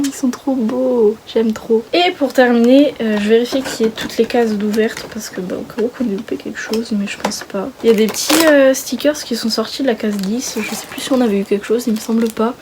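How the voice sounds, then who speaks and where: A woman's voice: on the high side, fairly even intonation, quick pace, hardly any pauses, a little mellow, a little hiss or hum. Gushing 19-year-old woman unboxing. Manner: chatty and gushing, many fillers and restarts. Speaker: YouTuber. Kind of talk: casual unboxing vlog.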